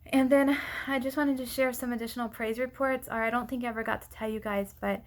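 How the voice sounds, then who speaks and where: A woman speaking out of breath in a casual, unscripted personal update, haltingly and often losing her thread. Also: a little high, fairly even intonation. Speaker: vlogger giving a personal update.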